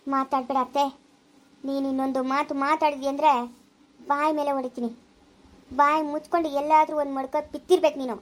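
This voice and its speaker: A woman's voice: high voice, level tone, fast, pauses often, lightly acted. A woman voicing a desperate young wife who pleads and wails through tears. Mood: pleading. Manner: pleading, wailing. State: crying.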